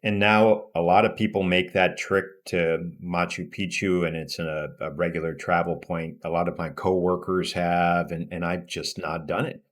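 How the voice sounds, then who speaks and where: A man's voice: low voice, steady tone, normal speed, few pauses. A middle-aged man born in Peru, a podcast guest talking reflectively with many restarts and fillers. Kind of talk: casual interview conversation.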